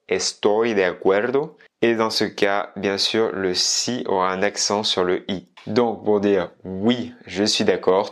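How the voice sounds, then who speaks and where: Male language-teacher host, lowish voice, informal and direct to camera, mixes in Spanish phrases. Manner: chatty, addresses the viewer directly and informally; drops into Spanish phrases between French explanations. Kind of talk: casual video lesson to camera.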